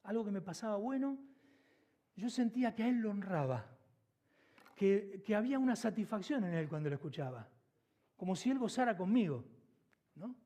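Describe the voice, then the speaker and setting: A man with an Argentine accent preaching a sermon as pastor, moving between emphatic declarations and hushed, intimate asides. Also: high-pitched, expressive, moderate pace, long pauses. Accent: Argentine Spanish. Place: church sanctuary.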